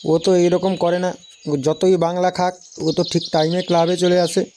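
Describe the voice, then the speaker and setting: A man's voice: high-pitched, level tone, fairly quick, background noise, natural voice. A man voicing an earnest young friend in a cartoon gang, talking in a worried, sincere way. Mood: concerned. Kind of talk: cartoon voice acting.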